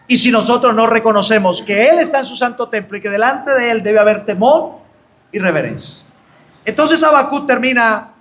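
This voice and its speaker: A man's voice: extremely high pitch, a bit bright. A man with a Colombian accent, preaching a fervent Bible study sermon to his brethren. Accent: Colombian Spanish. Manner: fervent preaching, rising on exclamations, addressing "hermanos".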